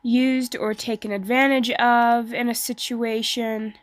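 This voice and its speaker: Woman, sick with flu, higher-pitched voice, dry close sound, casual tarot reader, hesitant phrasing. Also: flat delivery, a little slow, no room sound. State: sick, as with flu, voice may give out. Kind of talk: casual tarot reading to online viewers.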